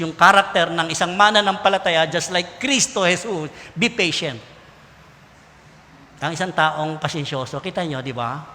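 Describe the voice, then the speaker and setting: A man with a Filipino accent preaching a sermon in a lively, conversational way, mixing in English. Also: fairly high pitch, slight background noise. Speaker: pastor. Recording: long hall reverb.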